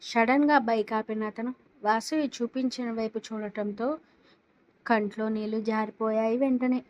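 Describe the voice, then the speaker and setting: A woman narrating a romance story in a steady, dramatic reading style. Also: a little high, a little slow, lo-fi sound.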